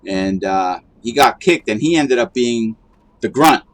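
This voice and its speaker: A man's voice: medium pitch, lively intonation, measured pace. A man streaming a video game, chatting casually and rambling with lots of fillers and restarts. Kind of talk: casual chat while gaming.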